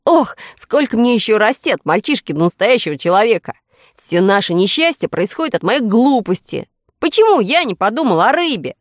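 A woman's voice: high-pitched, measured pace, pushed and bright, dry recording, studio quality, pitched above the performer's own voice. A woman voicing a brave, resolute boy who takes charge in a storybook reading. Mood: exclaiming. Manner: raised, eager exclaiming voice. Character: boy Fred, brave, resolute older brother.

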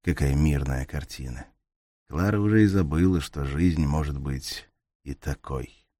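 A man narrating a suspense audiobook in a measured way, slowing down in tense moments. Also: rumbling low, mellow, no echo, studio quality. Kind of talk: scripted narration.

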